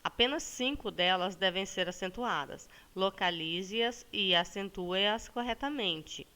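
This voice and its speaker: A woman teacher with a Brazilian accent, walking students through a lesson with patience. She stretches words slowly to show the stressed syllable and often checks in with "tá bom?". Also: medium pitch, bright, forceful tone. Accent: Brazilian Portuguese. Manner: ends phrases with a checking "tá bom?". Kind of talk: recorded classroom lesson for students.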